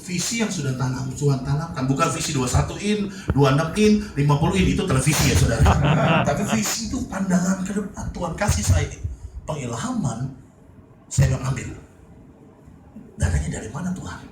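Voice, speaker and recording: A male pastor telling a story as a sermon, lively and joking, often laughing. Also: fairly high pitch, brisk. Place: church hall. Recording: echoey hall, distant mic, noisy.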